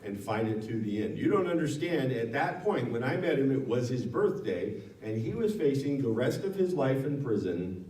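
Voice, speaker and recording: A man's voice: mid-range voice, very animated, normal speed, dark tone. A man from Nevada speaking as a guest at a town hall, telling a personal story in a frank, conversational way and correcting himself as he goes. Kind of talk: storytelling talk to an audience. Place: town hall meeting room. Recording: echoey room from far off.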